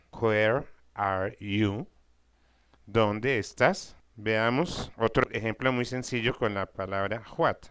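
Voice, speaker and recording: Male teacher, low and unhurried, clear smooth voice, dry close recording. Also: fairly bright tone, no echo. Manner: slow, careful explanation with repeated example phrases. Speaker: English teacher. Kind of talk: recorded English lesson for Spanish speakers.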